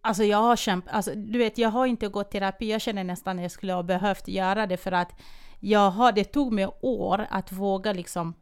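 A woman's voice: medium pitch, fairly even intonation, clear, resonant tone. A woman in her thirties co-hosting a podcast, telling a story in casual chat and acting out the quoted dialogue with animation. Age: 30s. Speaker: podcast co-host.

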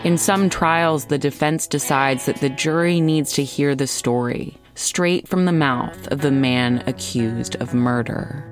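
An American woman hosting and narrating a scripted true-crime podcast in a measured storytelling way with deliberate pauses. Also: extremely low pitch, faint music behind.

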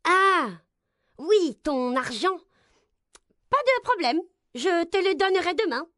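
A lazy, sly little male earwig, as a woman storyteller puts him on whines and wheedles in a very high, squeaky voice. He drags his words out slowly and sounds falsely sweet. The storybook reading is dry and close. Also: sing-song, pushed and bright, dry recording, exaggerated voice.

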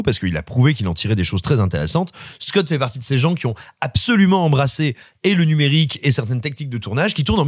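A man's voice: medium pitch, dry recording, studio quality. A man discussing a film in casual conversation, analytical and earnest. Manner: analytical, earnest, quick-talking. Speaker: film critic. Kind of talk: casual film review chat.

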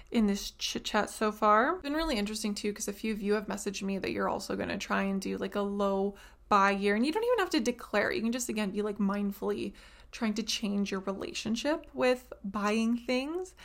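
Woman podcast host, casual rambling chat, mid-range voice with gravelly fry. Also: mid-range voice, fairly quick. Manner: chatty, rambling, lots of "like".

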